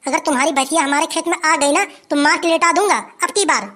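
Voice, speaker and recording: A performer voicing an angry old farmer in a who shouts complaints and threats. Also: high-pitched, brisk. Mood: angry complaining. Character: grumpy old village man, angry farmer.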